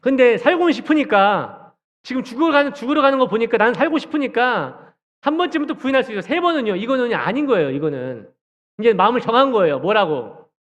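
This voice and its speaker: A man's voice: extremely high pitch, fast. A man preaching a sermon in a church, questioning his listeners and acting out quoted lines. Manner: animated, acts out quoted dialogue, asks the congregation questions. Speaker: junior pastor. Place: church sanctuary. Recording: dull church hall recording with long reverb.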